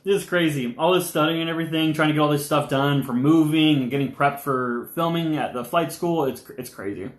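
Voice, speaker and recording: A young man hosting a casual live stream, rambling and animated, sometimes talking with his mouth full. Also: fairly high pitch, brisk, few pauses, echoey room.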